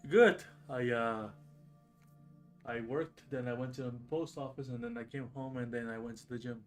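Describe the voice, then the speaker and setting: A man's voice: medium pitch, steady tone, moderate pace, soft background music. A man chatting casually as a guest on a stream, giggly and rambling. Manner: giggly, rambling, easily amused. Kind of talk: casual chat.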